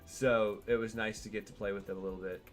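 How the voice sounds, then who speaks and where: Playing a game on stream from home, a man rambles from topic to topic and chats with his cat. His voice is lowish and flat, his pace quick, and faint music plays in the background.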